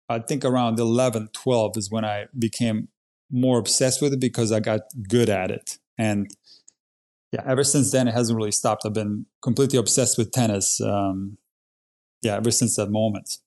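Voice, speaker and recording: A man's voice: mid-range voice, darkish tone. Croatian-born guy in his 40s, tennis coach, plain earnest storyteller, mid voice. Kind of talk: podcast interview.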